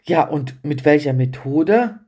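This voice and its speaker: A woman's voice: low-pitched, animated, slow pace, warm tone, breathy edge, exaggerated voice. A woman quoting her male marketing adviser, an impatient man firing insistent questions over the phone.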